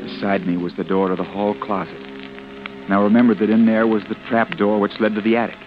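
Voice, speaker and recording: An actor playing a panicked young man hiding after a killing, narrating his dread in a tense, often hushed inner monologue. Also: fairly low pitch, flat delivery, fairly quick, music in the background, close to an everyday voice. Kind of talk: 1940s radio drama narration. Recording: dull old radio broadcast.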